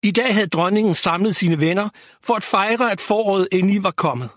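A man narrating a children's fantasy story in a steady, clear reading. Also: sits high, no room sound, clean studio sound.

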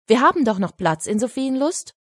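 A woman voicing an excited young boy in a storybook reading, lively and eager. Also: brisk, dry recording, studio quality. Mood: earnest. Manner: eager, high and loud.

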